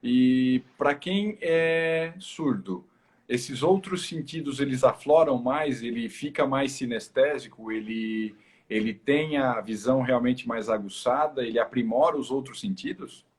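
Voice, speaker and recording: A man's voice: mid-range voice, unhurried. A man hosting a live interview, asking thoughtful follow-up questions. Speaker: host.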